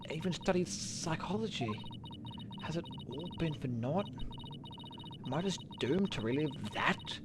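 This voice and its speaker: Despairing young woman lawyer, as read by a streamer: hushed and shaky, in a game read-along. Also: mid-range voice, moderate pace, pauses often, background noise, natural voice.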